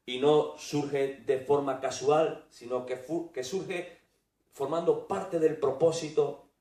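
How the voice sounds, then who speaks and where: Guy preaching real slow and measured, mellow low-key tone, mic kinda far off. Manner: slow, deliberate, reading scripture with emphasis. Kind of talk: Bible teaching sermon. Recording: echoey room, far from the mic.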